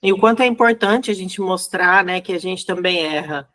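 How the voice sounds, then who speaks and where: A woman hosting an interview on parenting and schools, affirming her guest and asking gentle questions. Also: fairly low pitch, normal speed. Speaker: host, parenting educator. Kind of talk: casual interview talk.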